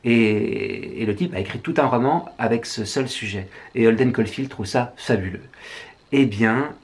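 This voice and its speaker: A man's voice: lowish voice, moderate pace, vocal fry. A French man, a writer, musing through a book review with wry asides. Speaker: writer presenting books.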